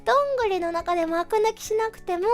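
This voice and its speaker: Young female streamer, extremely high childlike pitch, cutesy and animated casual chat, faint music behind. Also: quick pace. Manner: cutesy, refers to self in third person; animated, giggly. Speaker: livestream host chatting with viewers. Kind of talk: casual livestream chat, reading out comments.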